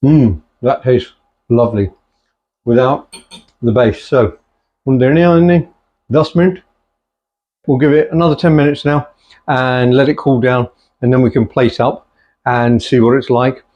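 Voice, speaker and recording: Pausing often and speaking a little slowly, a middle-aged man with a steady, somewhat mellow, medium-pitched voice casually shows his home cooking in the kitchen. He chats freely with Punjabi-Urdu phrases mixed in; the home recording is dull and lo-fi.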